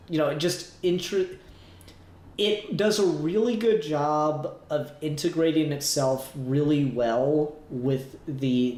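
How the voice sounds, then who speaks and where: As a podcast co-host, a man casually discusses a review, rambling and thinking aloud. His medium-pitched voice has a darkish tone, and the recording has a roomy echo with clear background noise.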